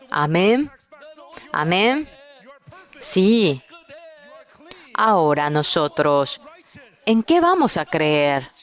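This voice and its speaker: Slow, clear-voiced emphatic preacher. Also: medium pitch. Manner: emphatic and repetitive, stretches key words. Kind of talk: sermon.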